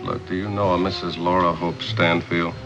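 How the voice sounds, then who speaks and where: Deep, deadpan American detective. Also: male voice, moderate pace. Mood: probing. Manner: clipped, deadpan, terse. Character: cool, terse, unflappable male private detective. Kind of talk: 1950s television crime drama acting. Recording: dull vintage TV soundtrack, music behind.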